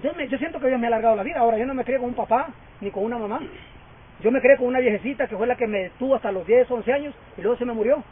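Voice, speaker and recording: A man's voice: very high-pitched, racing, breathy edge. A man in his fifties preaching a fervent sermon and calling out for amens. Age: 50s. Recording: tinny phone-like sound.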